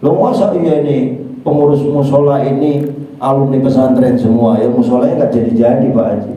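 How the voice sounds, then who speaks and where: A man's voice: medium pitch, steady tone, moderate pace, warm tone, very echoey, far from the mic, low-quality recording. An older man with an East Javanese accent giving a joking dawn religious talk in a prayer room. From East Java. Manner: joking, teasing the congregation. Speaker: preacher.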